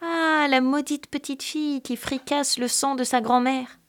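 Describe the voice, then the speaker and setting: A woman's voice: high voice, steady tone, measured pace, fairly bright tone, pitched above the performer's own voice. A woman voicing mocking angel voices that chant from a chimney in a sing-song, taunting way.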